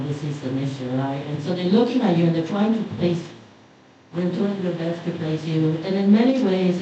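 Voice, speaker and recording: Deep-voiced and relaxed, a Cuban artist on a panel recounts anecdotes with a Cuban Spanish accent, chuckling lightly between points. The hall is large and echoey, the mic distant, and the sound dull with a little noise.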